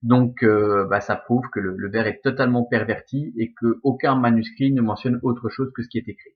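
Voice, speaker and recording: A man's voice: medium pitch, steady tone, normal speed, narrow, tinny audio. A man teaching a Latin class from a recording, explaining step by step and often checking with "ok?". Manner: explanatory, checks understanding with frequent "ok?" and "d'accord?". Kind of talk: recorded remote lesson.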